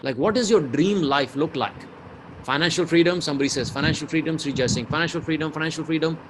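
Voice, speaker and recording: A man's voice: a little high, fast talker, a little hiss or hum. A man from India with an Indian accent, a business mentor leading a live webinar with rhetorical questions and mixing in Hindi. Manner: energetic, rhetorical, reads out chat replies, mixes in Hindi.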